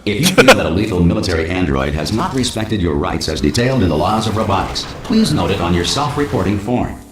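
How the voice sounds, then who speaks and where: Recorded facility announcer, lowish lively voice, formal, unflappable, cheerfully callous, video game. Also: male voice, fast, crowd noise. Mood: deadpan reassuring. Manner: formal, unflappable, deadpan instructional delivery. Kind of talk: scripted public-address announcement in a video game. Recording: echoey announcer sound, game music behind.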